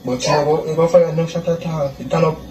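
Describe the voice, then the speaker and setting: A young man with a Jamaican accent gives a halting eyewitness account, repeating words and slipping into patois. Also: fairly high pitch, steady tone, a crowd in the background. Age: young adult. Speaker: eyewitness interviewee. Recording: echoey, distant, noisy outdoor interview.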